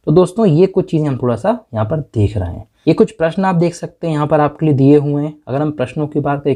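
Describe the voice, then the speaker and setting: A man's voice: medium pitch, mellow. A young man giving a casual exam-prep lesson, chatty and rambling, calling his students friends as he goes through the syllabus. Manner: rambling, with fillers and restarts. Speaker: teacher.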